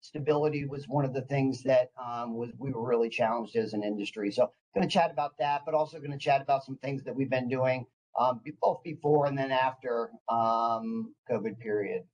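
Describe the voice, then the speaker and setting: A man with a medium-pitched voice gives an informal professional presentation. He comes across as psyched, like someone on a few coffees, eagerly pushing on through hesitations and restarted phrases. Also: fairly quick, few pauses, darkish tone, low-quality recording. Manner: enthusiastic, psyched; caffeinated, eager talker who hesitates and restarts mid-phrase. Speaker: clinical department director presenting.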